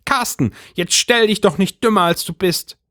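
A man's voice: high voice, lively intonation, moderate pace, sharp tone, no echo, studio quality, pitched above the performer's own voice. A man voicing a suspicious, bossy middle-aged housewife who talks in an indignant, conspiratorial way. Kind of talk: storybook reading.

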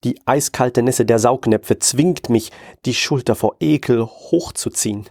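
A man reading a first-person horror short story aloud in a calm, measured way. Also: medium pitch, vocal fry, dry recording, studio quality. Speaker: narrator.

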